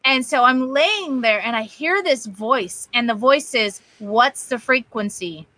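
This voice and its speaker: A woman telling a spiritual story in casual chat, animated and quoting voices as she goes. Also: sits high, unhurried, dry recording. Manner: animated, quotes voices, laughs easily. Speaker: guest sharing testimony.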